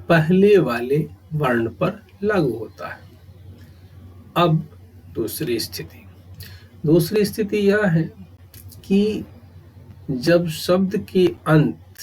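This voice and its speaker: A middle-aged man teaching grammar, speaking in short phrases with long pauses and repeating key terms. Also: on the high side, a little mellow, a little hiss or hum, low-quality recording. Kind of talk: slow, deliberate grammar lesson.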